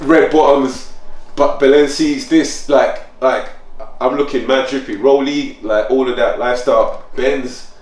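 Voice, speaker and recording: A podcast host with a mid-range voice tells stories in casual chat, speaking a little slowly and packing in slang. His voice jumps up whenever he gets worked up. He was recorded from a distance, so the sound is roomy and a bit off the mic.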